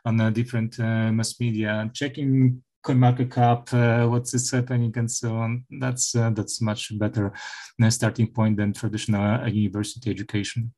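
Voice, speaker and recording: Middle-aged male professor, halting interview answers full of fillers. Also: medium pitch, level tone, dark tone. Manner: hesitant, many filler sounds and restarts. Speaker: university professor, interview guest.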